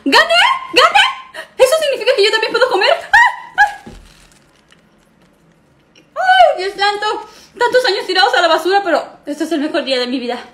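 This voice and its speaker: A woman's voice: very high voice, sing-song, very fast, hardly any pauses, a bit bright, echoey room, voice pushed up, full character voice. A woman acting a vain, dramatic young woman who shrieks her way through a comedy skit. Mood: excited. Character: vain, shrill, dramatic diet-obsessed young woman contestant.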